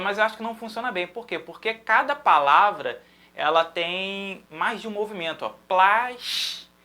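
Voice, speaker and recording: Bright-voiced Brazilian drum teacher. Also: male voice, high voice. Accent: Brazilian Portuguese. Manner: patient, chants syllables in steady rhythm to demonstrate. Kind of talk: music lesson explanation.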